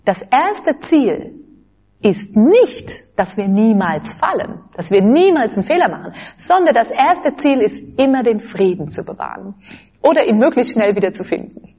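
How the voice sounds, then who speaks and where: A woman giving an earnest spiritual talk, quoting saints and scripture in a gentle way. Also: a little high, very animated, measured pace, breathy edge. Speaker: religious speaker.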